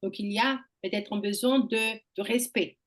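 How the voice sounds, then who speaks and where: A woman's voice: mid-range voice, normal speed. A woman hosting a group talk, explaining ideas through personal examples and checking in with "okay?". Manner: explains with examples, asks "d'accord?". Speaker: workshop host. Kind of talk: conversational teaching.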